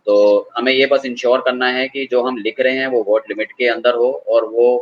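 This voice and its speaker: A man's voice: mid-range voice, steady tone. Hesitant male expert, lo-fi audio. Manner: measured, hesitant, calls the host sir. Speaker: guest expert on online assessments. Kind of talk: conversational explanation.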